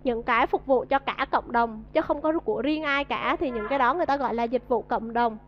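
A woman's voice: a little high, a little fast. A woman with a Vietnamese accent teaching an English vocabulary lesson to a class, coaxing answers and drilling pronunciation. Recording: dull lo-fi audio.

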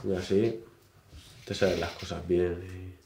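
Man, 20s, barber, casual chat, low pitch, echoey small barbershop. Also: slow, creaky. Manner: relaxed, modest, talks in short trailing phrases. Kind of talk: casual chat while shaving a client. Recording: roomy shop echo, faint noise.

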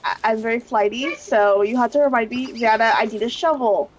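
A woman's voice: a little high, a little fast, a crowd in the background, rough recording. A woman playing a co-op game, chatting, joking about herself and laying out plans. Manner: chatty, self-deprecating, plans strategy. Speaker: co-player. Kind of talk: casual gaming chat.

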